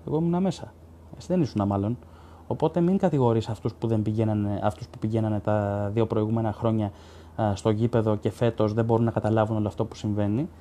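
A man's voice: fairly low pitch, fairly even intonation, mellow, a little hiss or hum. A man hosting a live stream as a sports journalist, reading viewer comments aloud in casual commentary and arguing bluntly with them, with many fillers and restarts.

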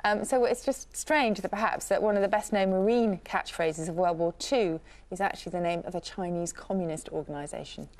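A woman's voice: on the low side, a little fast, hardly any pauses, slight background noise. Chatty woman explaining word origins. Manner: chatty, with hesitant fillers. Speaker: word expert on a quiz show.

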